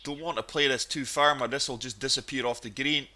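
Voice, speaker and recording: This gaming channel host is a man who has a cold and sounds sniffly, yet he talks eagerly over his golf gameplay. He speaks fairly quickly in a medium pitch, his tone steady and sharp.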